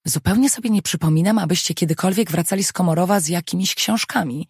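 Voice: mid-range voice, fast, breathy edge, no echo, studio quality. An audiobook reader voicing a suspicious, anxious mother who questions her sons sharply. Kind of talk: audiobook dialogue.

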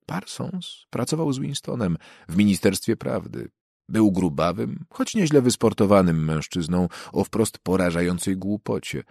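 A man reading a novel aloud as an audiobook narrator, in a measured, even delivery. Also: sits low, vocal fry, slightly rough, dry recording, clean studio sound. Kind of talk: scripted narration.

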